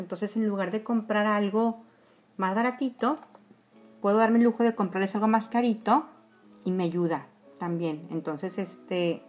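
A woman in her forties with a Mexican accent and a mid-range, slightly mellow voice runs a live makeup tutorial from a small room, talking straight to her viewers. The makeup vlogger chats casually, addresses them as girls and lets her words fade into whispers while applying makeup. She's recorded close up on a phone or webcam.

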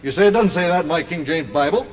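A man with a high voice preaches to a congregation, talking plainly and then lifting into ringing, emphatic declarations. His voice carries a long reverb from the church hall around him. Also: lively intonation, quick pace. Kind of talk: sermon.

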